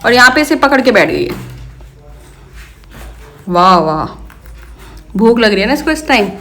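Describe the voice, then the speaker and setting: A woman's voice: a little high, big pitch swings, unhurried, fairly bright tone. A woman filming a home vlog on her phone, talking to her parrots in a sing-song voice that turns from scolding to cooing. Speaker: pet vlogger. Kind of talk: casual vlog narration. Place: indoors at home. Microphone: phone held in hand.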